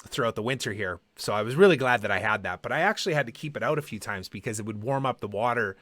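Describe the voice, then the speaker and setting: A man's voice: lowish voice, animated, quick pace, a bit bright, dry recording. A man hosting a podcast, telling personal stories in a casual, conversational way and acting out quoted dialogue. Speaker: podcast host.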